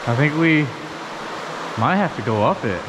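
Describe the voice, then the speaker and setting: A man's voice: medium pitch, lively intonation, noisy background. A man exploring a cave in casual vlog chatter, awed and laid-back, often exclaiming. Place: large wet cave with a stream. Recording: echoey cave with loud rushing water.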